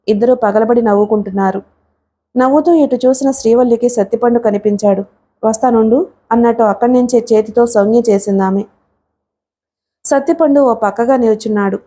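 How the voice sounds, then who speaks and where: A woman narrating an audiobook story in a calm, even manner. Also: fairly high pitch. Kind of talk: scripted narration.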